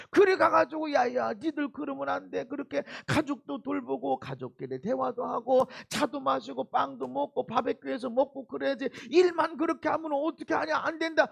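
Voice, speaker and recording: A middle-aged male pastor giving an animated sermon, acting out the people in his Bible story. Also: extremely high pitch, gravelly. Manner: animated, acts out biblical quotes in lively voices.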